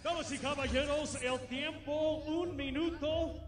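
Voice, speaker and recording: A man working as a bilingual ring announcer in a showy, drawn-out lucha libre announcer manner. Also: very high voice, fairly even intonation, loud music behind the voice. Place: boxing ring in a large arena.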